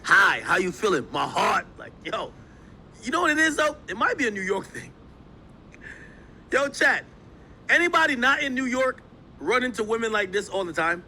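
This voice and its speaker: A male streamer reacts to clips and talks to his chat with emphatic energy. His voice sits high and sounds very bright, and his pitch swings widely. A little noise hums behind him. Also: moderate pace, pauses often. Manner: animated, emphatic, addresses chat directly. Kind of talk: live stream commentary. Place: New York.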